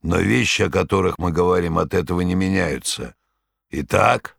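Sardonic ancient devil, voiced by a male reader; deep, gravelly, curt. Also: moderate pace, a bit bright, no echo, full character voice. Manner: curt, dry, mocking. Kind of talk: audiobook character voice.

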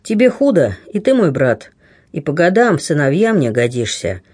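A man voicing a gruff old buccaneer. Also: a little high, sing-song, moderate pace, darkish tone. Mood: gruff warmth. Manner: grumbling, teasing, plain-spoken. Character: gruff aging male buccaneer, blunt, kindly, ironic.

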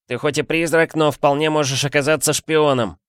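A man playing a suspicious, grumpy little painted mouse from a storybook, barking his words in a high, tight voice. He is snappish and distrustful. The reading is dry and close. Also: steady tone, moderate pace, clean tone, no room sound, natural voice. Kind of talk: audiobook character voice.

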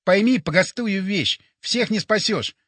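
A man's voice: high voice, animated, moderate pace, a bit bright, dry recording, pitched above the performer's own voice. A man voicing a stubborn young male sidekick in an audiobook, who talks in a sarcastic, lecturing way. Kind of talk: audiobook character voice.

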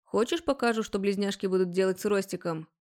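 A woman's voice: mid-range voice, darkish tone, close to an everyday voice. A woman voicing a cheeky, teasing young man who grumbles and jokes in a storybook reading. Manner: mischievous, grumbling, unhurried.

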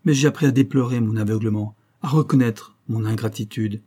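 A man reading an audiobook and voicing a remorseful young wife, who speaks softly, humbly and imploringly. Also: fairly low pitch, fairly quick, lightly acted. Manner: soft, imploring and contrite.

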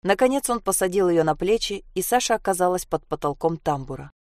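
A woman's voice: on the low side, animated, fairly quick, darkish tone, no room sound, clean studio sound. A woman narrating a story expressively and voicing the characters. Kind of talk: storybook reading.

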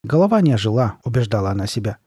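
A man narrating a horror story in a measured, dramatic reading style with slowed pauses. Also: lowish voice, very animated, dark tone, husky, dry recording, clean studio sound. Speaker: audiobook narrator.

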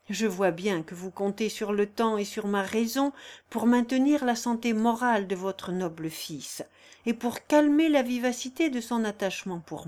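A woman's voice: medium pitch, darkish tone, lightly acted. A woman reading the part of a proud young singer who speaks earnestly and with passion in a storybook.

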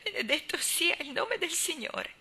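A woman, pitching her voice above her natural range, plays a devout and proper older neighbor who talks tearfully and piously. The performance is heavily acted, very animated, bright and pushed, at a moderate pace.

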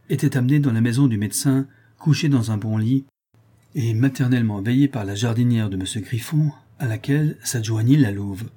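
A man narrating a classic novel in a measured, steady way. His voice is dark and mellow, with a husky edge. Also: mid-range voice. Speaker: audiobook narrator.

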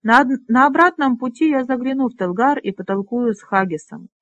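A woman voicing a polite, diplomatic young male dragonrider who speaks in a measured way. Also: high-pitched, fairly bright tone, no echo, highs cut off, voice pushed up.

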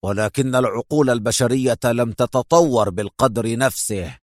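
A man's voice: mid-range voice, moderate pace, darkish tone, no echo, natural voice. An angry, stern male villain for an audiobook, voice dry and close, read by a male narrator.

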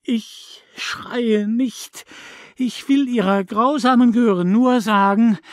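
A man's voice: slow pace, no room sound, clean studio sound. A man voicing a distraught mother who screams in rage with a wild, trembling voice, in an audiobook reading. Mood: furious, shrieking. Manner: shrill, furious, shouting.

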